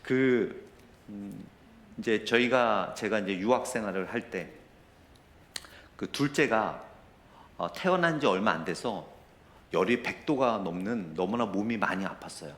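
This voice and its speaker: A man's voice: lowish voice, expressive, a little slow, pauses often, fairly bright tone. A middle-aged man preaching a sermon as a pastor, telling a personal story and rising to emotional intensity. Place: church sanctuary. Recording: roomy church echo.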